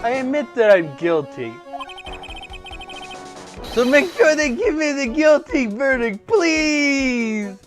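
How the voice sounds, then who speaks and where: A man voicing a timid, jittery young man who stammers and shouts shrilly, in a game played on stream. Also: very high voice, sing-song, slow pace, long pauses, soft background music, pitched above the performer's own voice, heavily acted. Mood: pleading.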